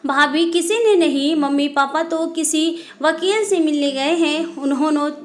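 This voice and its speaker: A woman's voice: sits high, unhurried. A woman voicing a guilty, distressed teenage schoolboy who pleads tearfully in a storybook tale. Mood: pleading.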